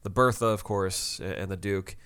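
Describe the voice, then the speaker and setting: Low-voiced man in easy podcast chat. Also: fairly even intonation, normal speed, fairly bright tone, clear, resonant tone. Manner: easygoing, self-deprecating, laughs at himself. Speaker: podcast co-host. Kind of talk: casual chat recapping a TV episode.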